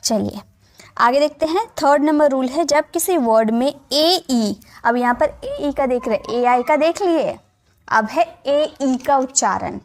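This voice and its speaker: A woman's voice: sits high, expressive, a little slow. A woman teaching English phonics in a spoken lesson, patiently spelling out letters and repeating each word. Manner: often checks in with the viewer.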